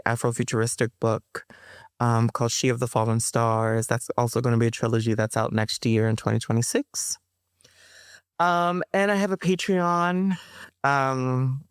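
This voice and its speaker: A woman with a bass voice speaks smoothly in a dry, studio-quality recording with no echo. She's an author and performer answering interview questions loosely and playfully, rambling with lots of ums and restarts in casual conversation.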